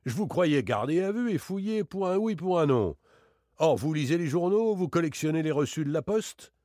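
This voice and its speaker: A man's voice: low-pitched, expressive, normal speed, gravelly, a little mellow, breathy edge, no echo, studio quality, full character voice. A man voicing a blunt, exasperated veteran police inspector in a dramatic audiobook reading, raised and exclaiming.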